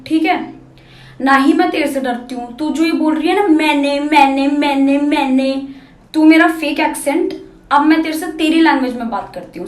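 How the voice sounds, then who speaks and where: A young woman from Delhi, a vlogger, scolding and confronting someone in an angry reply to camera, slipping English phrases into her talk. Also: sits high. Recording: roomy echo.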